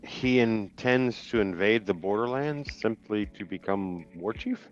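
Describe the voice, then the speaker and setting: A man playing in a tabletop game, speaking in character slowly and thoughtfully and humming before he answers. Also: on the low side, muffled recording, soft background music. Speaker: player.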